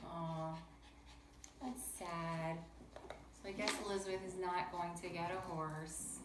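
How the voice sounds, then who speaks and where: A woman with a lowish voice reads a picture book to kids slowly and animatedly, stretching words out and breaking off to talk to them directly. She's in a home room with pets around, and the space is echoey with a noisy background.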